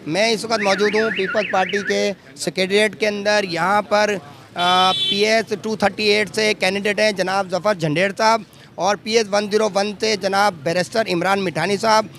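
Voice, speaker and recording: A man presenting and interviewing for an online channel, formal with filler pauses, on location at a busy party office. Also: sits high, steady tone, gravelly, fairly bright tone.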